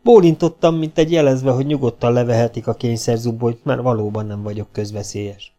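Man narrating an audiobook, mellow warm voice, animated, some faint music in the back. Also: medium pitch. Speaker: audiobook reader.

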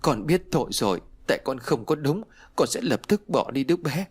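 A man's voice: mid-range voice, sing-song, moderate pace, breathy edge. A man voicing a frightened, meek young pregnant wife who pleads in an audiobook. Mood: pleading. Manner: pleading, timid.

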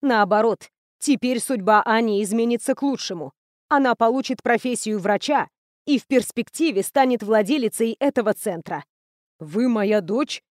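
A woman narrates a story in the first person, telling it in an even, lively way. Her voice is fairly high and recorded close and dry. It is the clean sound of a studio audiobook read. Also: normal speed, no room sound.

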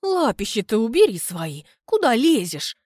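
A woman voicing a loud, short-tempered village woman with a deep throaty voice, who snaps curt insults between pants. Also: very animated, normal speed, slightly rough, no room sound, clean studio sound. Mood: scolding. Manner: shouting curt insults, panting.

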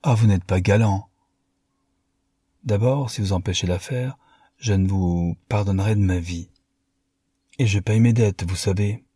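A vain, scheming young Parisian woman, delighted to be fought over, as a male reader puts her on. The voice stays deep and husky, and it is recorded dry. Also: unhurried, long pauses, warm tone, no echo. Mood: coquettish. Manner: coquettish, mocking.

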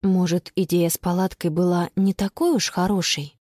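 A woman narrating a children's audiobook with expressive storytelling. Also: lowish voice, normal speed, no echo, clean studio sound. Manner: expressive storytelling, bright voice for the girl. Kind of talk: scripted narration.

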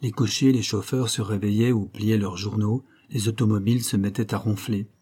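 An audiobook narrator reads a classic detective novel aloud in a steady storytelling manner, his pitch rising for the characters' lines. His delivery is brisk and his voice husky.

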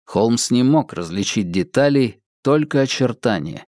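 A man narrating an audiobook in a measured, even reading. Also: mid-range voice, no room sound, clean studio sound. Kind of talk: scripted narration.

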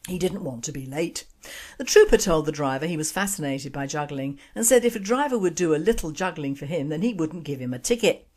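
Measured woman radio host, fairly low voice. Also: animated, darkish tone. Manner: measured, deliberate reading. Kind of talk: scripted radio commentary and jokes.

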